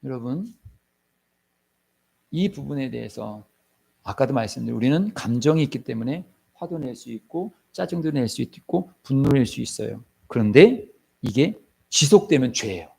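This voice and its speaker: A man preaching a sermon as pastor in a church, swinging between loud calls and hushed, near-whispered lines, and acting out short prayers and scenes. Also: mid-range voice, animated, normal speed, creaky, husky.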